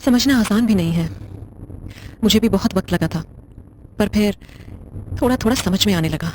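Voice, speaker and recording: In a Hindi audio drama, a woman voices a blunt, controlling widowed wife, questioning others in a curt, sardonic manner. Her mid-range voice sounds natural at a normal pace, with a grave, recounting mood and slight background noise.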